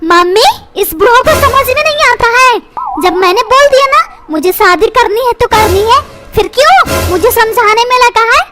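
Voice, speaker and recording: Lady voicing a bratty cartoon boy, squeaky and bossy, loud music behind. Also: animated, normal speed. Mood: defiant. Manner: defiant, bossy. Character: cheeky young boy who talks back to his parents.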